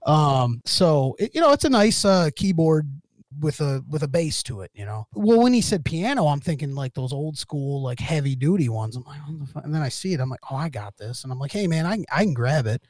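Man, slightly high voice, dry close mic, rambling storyteller, swears a lot, casual podcast chat. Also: sing-song, brisk, a little mellow, no echo. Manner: rambling anecdote with profanity and quoted dialogue. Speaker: podcast co-host.

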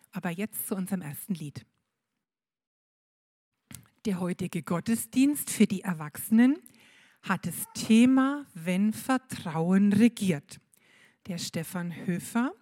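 A woman leads a church service for children. She tells a story slowly and expressively, addressing the kids directly. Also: mid-range voice, darkish tone.

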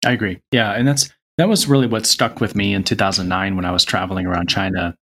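A man with a very low, deep voice speaks as a podcast guest. He talks in an earnest, reflective way, in relaxed conversation. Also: quick pace. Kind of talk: casual conversation.

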